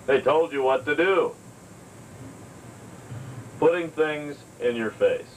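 A young man giving a deadpan, mock-serious self-help lesson to a home video camera in a motel room. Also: on the high side, slow pace. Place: motel room while out of town. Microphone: camcorder mic from across the room. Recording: distant camcorder audio, air conditioner hum.

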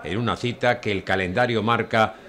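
A man's voice: lowish voice, steady tone, a little fast, a bit bright. A man reading a scripted news report as a voice-over.

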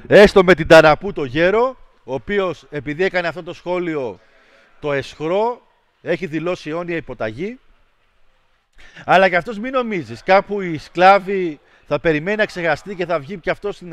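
A man hosting a livestream, chatting casually with viewers and ranting in a mocking, animated way. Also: a little high, dry recording. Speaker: livestream host. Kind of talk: casual stream chat with viewers.

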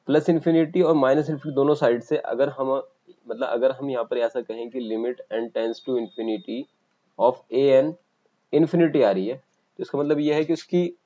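A man with an Indian accent teaching a math lesson for exam coaching, explaining step by step and pausing as he writes. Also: mid-range voice, mellow, dull audio. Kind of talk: online exam-coaching lecture.

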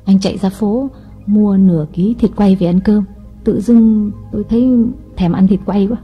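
A woman voicing a calculating young wife in an audiobook, speaking in a coaxing, deliberate way. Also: medium pitch, steady tone, breathy edge, close to an everyday voice. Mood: casual. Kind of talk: audiobook reading. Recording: dull lo-fi audio with faint music.

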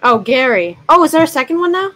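A woman chatting casually while gaming with friends, excitable, often squealing and gasping. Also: sits high, fast talker, low-quality recording. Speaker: gamer. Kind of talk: casual multiplayer game chat.

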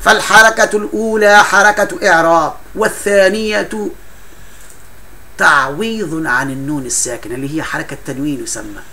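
A man's voice: fairly high pitch, fairly quick, sharp tone. A man teaching a classroom grammar lesson, explaining patiently with frequent laughs and broken-off restarts.

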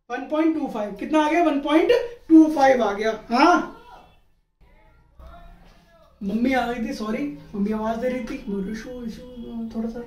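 A man's voice: very high-pitched, a little mellow. A young man teaching a lesson at home, quizzing the class and answering his own questions in a playful, casual way. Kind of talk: casual recorded tutorial. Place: room at home. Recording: echoey room, far from mic.

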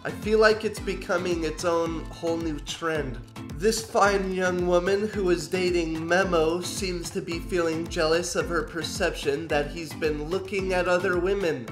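A man's voice: sits high, steady tone, measured pace, over music. A young adult man giving sarcastic, amused reaction commentary to the camera. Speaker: reaction video host.

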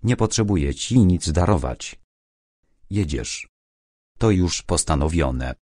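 A man's voice: low-pitched, expressive, warm tone, no room sound, clean studio sound. A man reading a bossy chatty young woman. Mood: insistent. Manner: brisk, insistent, chatty. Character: bossy, lively young woman, a busy friend.

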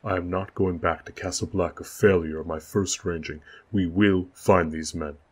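A man voicing an arrogant young male lord who gives commands in a loud, haughty way. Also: low-pitched, steady tone, unhurried, husky.

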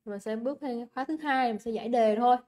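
A young woman with a Vietnamese accent runs an English exam review class over a livestream. She speaks quickly in a slightly high, mellow voice, chatty and coaxing, repeating words for emphasis and checking that students are following.

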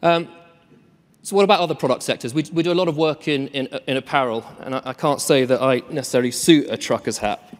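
A man presents a live tech demo on a conference stage, relaxed and self-deprecating, filling gaps with ums. His voice sits in the middle range and carries a long reverb from the large hall around him. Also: mid-range voice.

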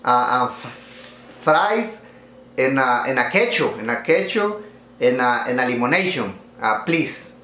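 A man voicing a nervous migrant who orders in halting, stammering broken English. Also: medium pitch, very animated, pushed and bright, exaggerated voice. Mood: hesitant. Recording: roomy echo.

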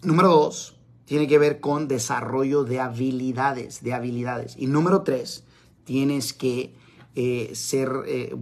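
A motivational speaker with a medium-pitched, breathy-edged voice gives a live-streamed talk picked up by a camera mic. He is emphatic and keeps repeating his key phrases.

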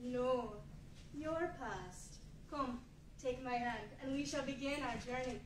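A woman playing a young, earnest spirit of the past in a radio play, measured and solemn. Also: high-pitched, slight background noise. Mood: gently urging. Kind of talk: 1940s musical radio play acting. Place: large indoor meeting room, live stage reading. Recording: echoey room, distant mic.

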